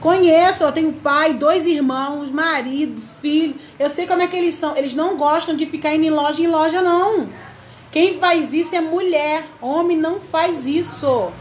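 A woman's voice: high-pitched, normal speed, a little hiss or hum. A chatty woman hosting a crafts live stream, greeting viewers by name and laughing often. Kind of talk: casual live chat.

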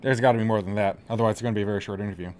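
A man's voice: on the low side, fairly even intonation, rapid-fire, a little mellow. A man hosting a casual interview, teasing his guest and asking rambling questions. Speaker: interviewer host. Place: author venue room.

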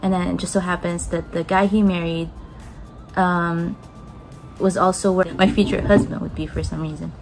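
A young Filipina plant vlogger unboxes plants in her home kitchen, gushing in a chatty, upbeat way to a camera on the table while handling them. Her voice is fairly low with little pitch movement and a moderate pace. The recording is rough, with music underneath.

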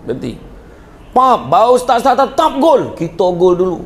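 A middle-aged man with a Negeri Sembilan Malay accent giving a humorous religious lecture to parents and teachers at a school event. He tells jokes and stories in an animated way, then drops to a low, earnest tone to deliver the moral. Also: normal speed, slight background noise. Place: school event before a live audience.

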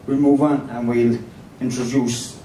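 A man's voice: level tone, unhurried, mellow. A man in his thirties with an Irish accent, speaking informally as a co-presenter at an event. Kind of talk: informal talk to an audience. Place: conference room with an audience. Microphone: handheld microphone. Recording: echoey distant room, faint rumble.

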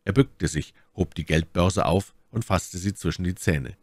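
A man reading a classic novel aloud as a narrator, with expressive, dramatic narration. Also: low voice, unhurried, no room sound. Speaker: audiobook narrator.

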